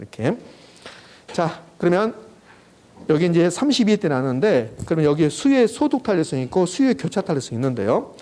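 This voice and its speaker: A man lecturing on an exam subject, walking students through a formula and quizzing them with quick rhetorical questions. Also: high-pitched, mellow. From South Korea. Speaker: real estate exam lecturer. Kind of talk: classroom lecture at a whiteboard.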